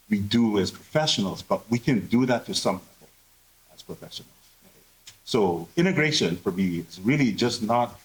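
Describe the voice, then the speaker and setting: The recording is rough: a man with a fairly deep voice, a behavioral health professional sitting on a panel in a conference room, talks openly and sincerely, peppering his speech with fillers.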